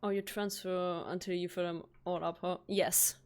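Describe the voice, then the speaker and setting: A woman chatting casually while streaming a video game, rambling along with quick self-corrections. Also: lowish voice, flat delivery, darkish tone, clean tone. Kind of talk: casual chat while gaming.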